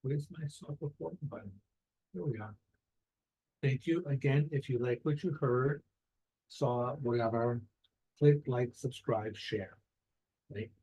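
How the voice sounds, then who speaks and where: In this poor-quality audio, a middle-aged man with a warm, mid-range voice and a breathy edge reads tarot for a star sign. He speaks a little slowly with frequent pauses, keeping it chatty and repeatedly ending phrases with "right?".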